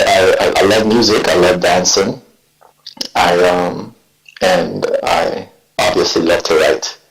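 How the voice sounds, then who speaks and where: A man in his forties from Jamaica, speaking with a Jamaican accent, telling his story as a guest poet in a reflective, halting way. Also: low voice, fairly bright tone. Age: 40s. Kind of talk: relaxed interview talk. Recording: echoey room.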